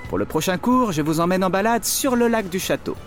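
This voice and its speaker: Man, storyteller, children's tale, playful and expressive, voice swings up and down a lot, faint music behind. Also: high voice, brisk. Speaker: storyteller playing an inventor teacher.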